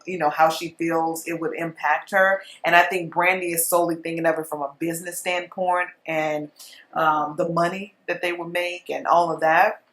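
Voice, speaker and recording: Young woman vlogger, casual and animated commentary, lower-pitched voice, echoey room. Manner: chatty, animated, full of "you know" and "like".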